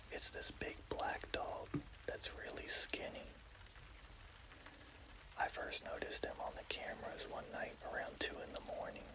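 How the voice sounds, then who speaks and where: Whispered scary storyteller with rain behind. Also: low-quality recording. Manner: hushed unvoiced whisper, slow and deliberate.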